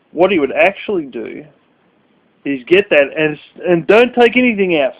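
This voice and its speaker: A blunt, foul-mouthed man rambles through a casual vlog rant late at night, sleepy and yawning. His voice sits a bit high for a man. The sound is thin and tinny, like a phone line. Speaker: vlogger.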